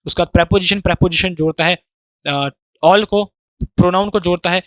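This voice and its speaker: This male English teacher's voice sits high, with fairly even intonation and a slightly bright quality, and there's no echo. Preparing students for an exam, he goes through grammar slowly, reading every sentence word by word and then explaining it.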